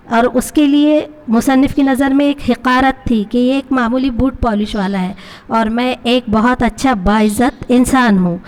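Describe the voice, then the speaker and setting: A woman's voice: high voice, darkish tone. A woman teacher with a Pakistani accent, reading a story to her class and explaining each line with questions to her pupils. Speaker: Urdu teacher.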